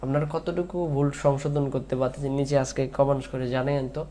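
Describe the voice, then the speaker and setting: A man teaching Quran recitation, drawing out the verses in a slow chant between spoken explanations. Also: medium pitch, steady tone, warm tone. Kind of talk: tajweed lesson with chanted recitation.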